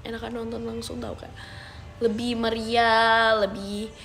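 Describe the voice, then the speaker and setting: A young woman from Indonesia chats with her livestream viewers, playful and drawn-out. Her voice is gravelly yet pitched a little high, and she takes her time. She speaks into a phone mic indoors. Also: level tone, faint music behind. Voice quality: gravelly, dark-sounding voice. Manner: chatty, playful, drags out words. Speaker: idol livestreamer. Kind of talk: casual livestream chat.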